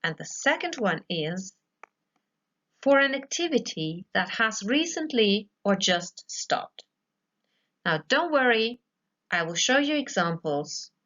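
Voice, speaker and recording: A woman with a mid-range, slightly bright voice teaches English grammar to schoolchildren in a recorded lesson, speaking slowly and very animatedly. She works patiently step by step, frequently asking "okay?" to check her pupils are following. The voice-over is a little dull and lo-fi.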